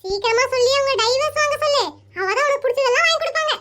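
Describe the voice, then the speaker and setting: A performer voices a chirpy cartoon schoolgirl who chatters away with giggles running through her speech. Her voice is extremely high, quick, and bright, fitting a cheerful, chatty young girl in animated comedy.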